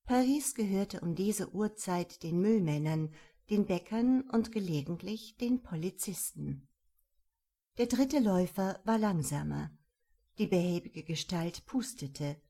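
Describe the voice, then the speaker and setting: Slow, measured woman narrating a crime novel. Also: mid-range voice. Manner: calm, measured reading. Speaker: audiobook narrator. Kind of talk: scripted narration.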